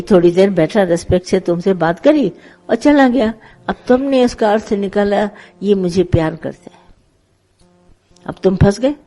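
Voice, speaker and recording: A woman speaking as a spiritual teacher at a satsang, her voice mellow and warm. She talks in a conversational, instructive manner, slipping into little parables with voiced dialogue. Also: mid-range voice. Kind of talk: satsang sermon.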